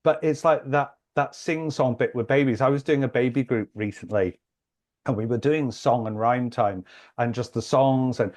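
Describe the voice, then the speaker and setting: A man hosting a podcast, with a voice of middling pitch. He talks in a loose, chatty way, restarting and repeating words as he works out his thoughts. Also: normal speed, darkish tone. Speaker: podcast host. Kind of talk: podcast interview.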